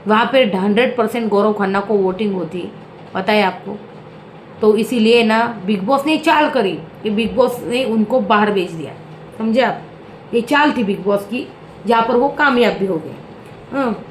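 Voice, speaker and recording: A woman's voice: a little high, echoey room, a little hiss or hum. A woman giving an emphatic, casual review of a reality show, full of rhetorical asides and fillers. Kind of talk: casual spoken episode review.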